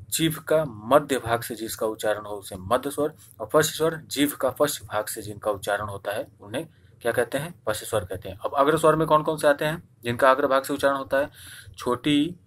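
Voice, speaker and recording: A man runs an exam-prep grammar lesson at a steady, mid-pitched register. He repeats key points and asks himself questions before answering them. He draws out vowel sounds when demonstrating them. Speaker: teacher.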